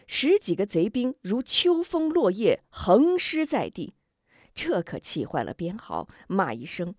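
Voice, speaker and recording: A woman's voice: medium pitch, darkish tone, no room sound. A woman narrating a martial arts tale in traditional storytelling style, with dramatic rhythmic delivery on a close mic.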